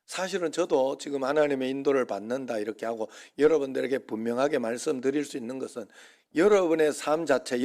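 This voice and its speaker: A middle-aged man preaching a sermon as pastor, telling a story with lively acted-out quotes and prayers. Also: fairly high pitch. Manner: animated storytelling, acts out prayers and quoted speech.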